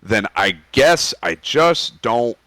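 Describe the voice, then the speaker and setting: A man co-hosting a gaming podcast, talking in a laid-back, measured way with casual slang. His voice is bright and forceful, recorded dry with no room sound. His pitch is middling. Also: big pitch swings, dry recording. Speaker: podcast co-host.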